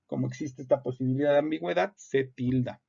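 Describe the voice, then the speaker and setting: A man's voice: medium pitch, fairly even intonation, fast talker, gravelly, dark tone, breathy edge. A man giving a methodical lesson on spelling rules, reading example sentences aloud and explaining each one. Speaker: instructor. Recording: dull lo-fi recording.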